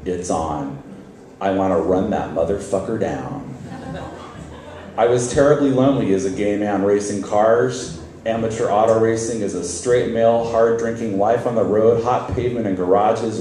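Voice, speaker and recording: On stage at a live literary reading, a man reads a first-person story aloud in a wry, conversational way, stumbling now and then. His voice is fairly low and warm. The hall is very echoey, with a distant mic picking up faint noise.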